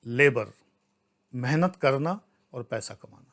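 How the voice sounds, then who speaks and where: An older man from India teaching an online exam-prep class, lecturing emphatically and scolding, with loud outbursts and low asides. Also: expressive, takes it slowly. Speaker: civil services exam teacher.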